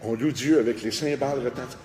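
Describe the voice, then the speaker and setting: A man preaching a lively Bible study with a Québécois French accent, breaking into shouted praise words. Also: medium pitch, fast. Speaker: pastor. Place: church. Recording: echoey church hall, faint noise.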